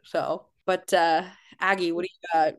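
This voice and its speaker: A woman co-hosting a casual podcast, animated and laughing, often mock-outraged. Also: lowish voice, normal speed. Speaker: podcast co-host.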